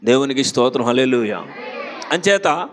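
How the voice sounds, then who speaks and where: A pastor with a Visakhapatnam accent, preaching a sermon to a congregation in a chatty way, often putting questions to them. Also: male voice, mid-range voice, expressive, normal speed, slight background noise. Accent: Visakhapatnam Telugu. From Andhra Pradesh, India.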